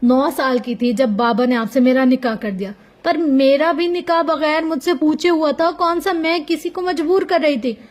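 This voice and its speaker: A woman's voice: sits high, moderate pace, hardly any pauses, voice pushed up, close to an everyday voice. A woman reading a bitter, weary young wife. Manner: sarcastic, resigned.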